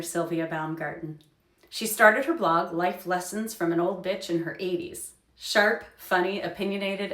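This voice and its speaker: A woman host reading a personal essay aloud in an expressive, reflective storytelling way. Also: on the low side. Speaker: host reading her mother's blog essays. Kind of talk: scripted essay read aloud. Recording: roomy, echoing voice recording.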